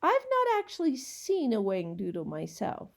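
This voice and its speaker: A woman's voice: on the high side, wildly swooping pitch, moderate pace, gravelly, exaggerated voice. A woman voicing a cheerful, odd little old man in a storybook who talks politely and eagerly. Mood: chatty.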